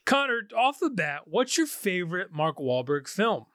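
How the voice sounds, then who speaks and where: A man's voice: high voice, big pitch swings, moderate pace, fairly bright tone, no echo, studio quality. A man hosting a film podcast, chatting casually and teasing his co-host in a playful way.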